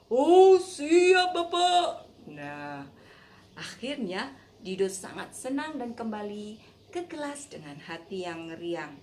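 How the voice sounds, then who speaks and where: A woman hosting a children's radio program, telling stories in an animated, cheerful way and speaking straight to the children at home. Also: mid-range voice, slow pace. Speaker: children's radio storyteller and host.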